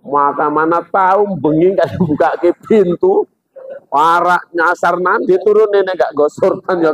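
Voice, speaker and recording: A man preaching a humorous sermon at a mosque gathering, telling stories and acting out characters. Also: sits high. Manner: joking, animated, acts out characters. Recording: dull lo-fi sound.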